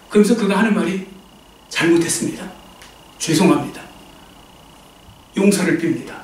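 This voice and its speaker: A pastor with a high voice preaches a sermon in a church sanctuary, telling animated stories and acting out the voices of the people in them. He's far from the mic, so the sound is roomy and off-mic.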